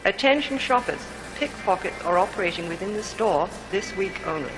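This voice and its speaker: A woman voicing a formal, unflappable supermarket announcer, heard over the store loudspeaker in a cartoon. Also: mid-range voice, lively intonation, a little fast, over loud music, rough recording. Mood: announcing. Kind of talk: cartoon voice acting.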